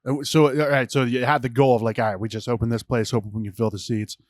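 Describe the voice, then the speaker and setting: A man's voice: mid-range voice, fairly even intonation, fast talker, dry recording, clean studio sound. A man hosting a podcast interview, laid-back and slangy, mostly giving short affirmations and asking loose questions. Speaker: podcast host.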